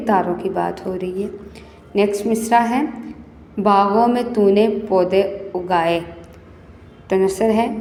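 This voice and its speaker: A woman's voice: medium pitch, mellow. A young woman teacher talks a class through a lesson in a roomy space with a long, ringing reverb. She explains step by step, drops English words into her sentences, and keeps checking that the students follow. Faint background noise sits under her voice. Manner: reads verse slowly and carefully.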